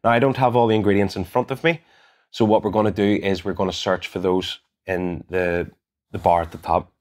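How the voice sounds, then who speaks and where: A man in his thirties with a Northern Irish accent, calmly walking through an app tutorial step by step, recorded on a lapel mic in a gym studio. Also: sits low, brisk. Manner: calm, methodical, instructive. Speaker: gym coach. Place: gym studio in front of a branded backdrop.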